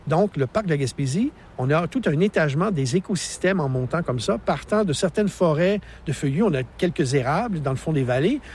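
A man's voice: fairly high pitch, expressive, fairly quick, hardly any pauses, a little mellow, slight background noise. A man in his sixties with a Québécois accent, an enthusiastic park naturalist explaining the landscape outdoors, laughing easily. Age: 60s. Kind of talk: outdoor interview.

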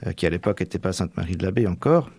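Young man from Normandy, lowish voice, dry close sound; hesitant interviewee with lots of fillers. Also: expressive, rapid-fire, a little mellow, slightly rough, no echo. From Normandy, France. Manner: hesitant, many fillers and restarts. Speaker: seminarian about to be ordained priest. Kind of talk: radio interview.

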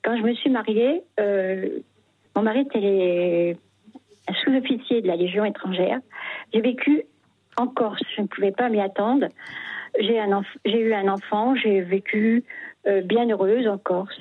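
An older Frenchwoman calling in to a radio show, talking haltingly with frequent restarts as she shares her memories. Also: medium pitch, breathy edge, no echo. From France. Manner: hesitant, halting, many restarts. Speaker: radio caller. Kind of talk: phone-in testimony. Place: her home. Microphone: telephone. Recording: phone line.

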